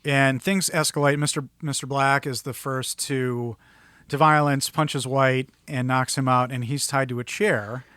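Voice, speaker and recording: A man's voice: mid-range voice, fairly even intonation, fairly bright tone, clean tone, no echo. Wry, mid-voiced male podcast co-host. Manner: dry, wry remarks, measured plot recaps. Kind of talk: casual film discussion.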